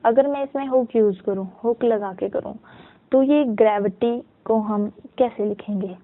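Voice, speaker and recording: A woman shorthand teacher talks slowly and patiently in a fairly high voice. She sounds words out syllable by syllable and keeps pausing to check in with the class. The audio is thin and tinny, like a phone line. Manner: slow and patient, checks in with "ठीक है"; mixes Hindi with English terms. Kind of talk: step-by-step lesson. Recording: tinny narrow-band audio.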